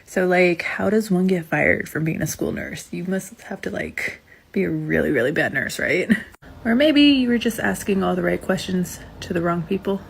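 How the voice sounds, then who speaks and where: Woman, former school nurse, blunt and lively storyteller who curses casually, voice sitting a bit low. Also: normal speed, vocal fry, slightly rough. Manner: blunt, animated, swears freely.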